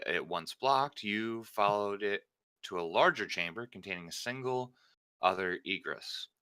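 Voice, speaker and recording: A man's voice: fairly low pitch, bright, forceful tone, dry recording. A man acting as game master, narrating and running a tabletop game.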